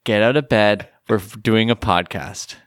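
A man's voice: lowish voice, moderate pace, no echo, clean studio sound. A man co-hosting a casual podcast, chatting in a rambling way with fillers and restarts. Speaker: podcast co-host. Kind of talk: casual chat.

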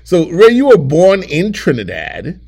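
A man hosting an interview show, first narrating an intro, then asking questions in a lively way with frequent restarts. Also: fairly high pitch, a little slow, creaky. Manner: lively, repeats words and restarts often as he asks questions. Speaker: show host.

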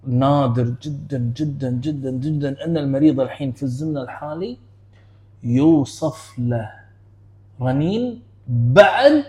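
A man's voice: medium pitch, moderate pace, dark tone. A man, hosting a casual clinical talk, who tells patient stories animatedly and acts out the dialogue. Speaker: podcast host, clinician.

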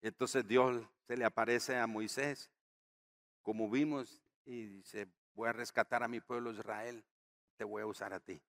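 A man preaching a sermon to his congregation as pastor, emphatic and rising to loud exhortation. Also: medium pitch, fairly even intonation, measured pace. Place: church auditorium.

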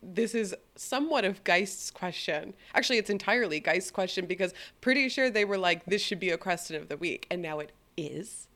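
A young woman co-hosting a podcast, playful and excitable, laughing often. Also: fairly low pitch, brisk, hardly any pauses. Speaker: podcast co-host. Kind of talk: casual chat.

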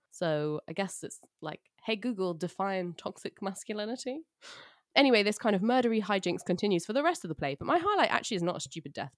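A woman's voice: on the low side, no room sound. Sardonic woman, dry close sound. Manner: sardonic, jokey, acts out quotes. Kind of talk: comic plot recap.

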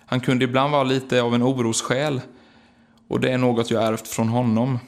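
A man reading a personal memorial piece, quiet and earnest. His voice sits in a middle register and stays flat, with almost no rise or fall. The delivery is reflective and steady. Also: medium pitch. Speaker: singer remembering his late grandfather. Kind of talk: read-aloud personal memorial narration.

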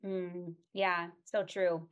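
A woman's voice: fairly low pitch, little pitch movement, drawn-out words, smooth, highs cut off. Upbeat woman podcast host. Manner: upbeat, enthusiastic, affirming. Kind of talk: casual interview chat.

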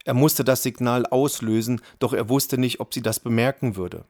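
A man's voice: mid-range voice, normal speed, a little mellow, no room sound. Man reading an audiobook, dry sound. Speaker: audiobook narrator. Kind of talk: scripted narration.

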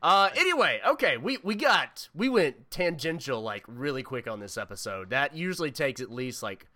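A man's voice: mid-range voice, sing-song, normal speed, bright, forceful tone. A man hosting a casual interview, talking in a rambling, informal way. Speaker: podcast host interviewing guests.

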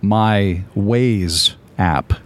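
A man interviewing a guest in a relaxed, joking, chatty way. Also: fairly low pitch, drawn-out words. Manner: jokey, chatty. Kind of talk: conversational interview.

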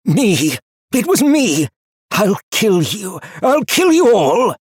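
A man's voice: sits high, sing-song, slow, slightly rough, no room sound, studio quality, voice pushed up, full character voice. A man voicing a desperate, raging captive king who shrieks threats.

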